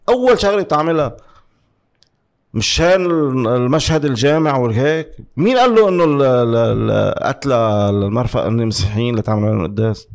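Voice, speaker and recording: Fast-talking, argumentative Lebanese man. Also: mid-range voice. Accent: Lebanese Arabic. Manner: argumentative, interrupting, repeats words emphatically, asks rhetorical questions. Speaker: interview guest giving political commentary. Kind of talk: heated conversational political debate.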